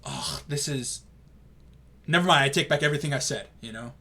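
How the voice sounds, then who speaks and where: A man giving casual live commentary on a tournament game, reacting aloud with groans and excited exclamations. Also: medium pitch, fairly quick, creaky.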